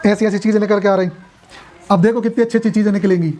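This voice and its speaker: A man's voice: sits high, fairly even intonation, rapid-fire, mellow, slight background noise. Chatty man teaching a class. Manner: chatty, asks students questions, jokes. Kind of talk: classroom lecture.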